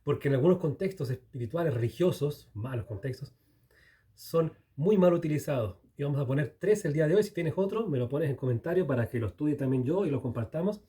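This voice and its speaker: A man's voice: fairly high pitch, expressive, quick pace, mellow. Earnest man teaching the Bible. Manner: earnest, speaks straight to the viewer. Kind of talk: informal video Bible teaching.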